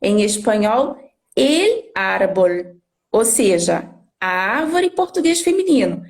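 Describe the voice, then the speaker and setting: A woman's voice: a little high, sing-song, moderate pace. A woman language teacher explaining patiently on a live stream, often checking in with tag questions. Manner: didactic, frequent tag questions.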